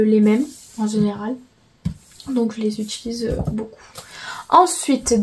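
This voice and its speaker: A woman's voice: a little high, warm tone, rough recording. A woman from France chatting casually about her finished coloring pages, hesitant with many fillers and self-corrections. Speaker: coloring book vlogger. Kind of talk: casual show-and-tell chat.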